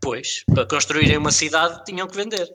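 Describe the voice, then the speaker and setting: A man's voice: a little high, fairly quick, heavy background noise. A man with a European Portuguese accent chatting casually on a podcast, explaining things in an informal way. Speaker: podcast co-host.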